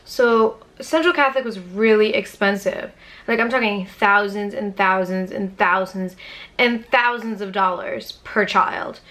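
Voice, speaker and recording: A young female YouTuber tells a storytime vlog straight to her camera mic in a mid-range, fairly bright voice, unhurried. She's casual and chatty, swears freely, and fills gaps with "um" and "anyways".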